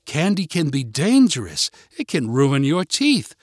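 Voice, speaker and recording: An earnest young British schoolteacher woman , voiced by a male narrator, lectures sweetly and primly from a storybook. The voice is lifted high and swings widely, with a slightly husky edge. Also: wildly swooping pitch, a little slow, dry recording, studio quality, full character voice. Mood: prim, lecturing.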